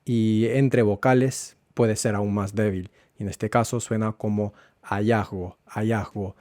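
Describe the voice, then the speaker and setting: A man teaching a Spanish lesson, going slowly and repeating words so learners can follow. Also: on the low side, fairly even intonation, dark tone, dry recording, clean studio sound. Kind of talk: language lesson.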